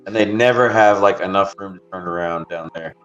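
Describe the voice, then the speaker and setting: Low-voiced man telling profane stories. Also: fairly quick, fairly bright tone. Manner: profane, rambling, laughs often. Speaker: streamer, delivery driver. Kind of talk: casual chat, storytelling. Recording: dull lo-fi stream audio with faint music.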